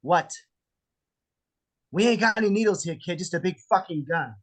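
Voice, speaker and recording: A menacing, jealous husband with a gun, acted by a man at a script read. He is sarcastic and foul-mouthed, with theatrical, very animated swings in pitch. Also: normal speed. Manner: theatrical, mocking, profane. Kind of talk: table read of a film script. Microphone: video call.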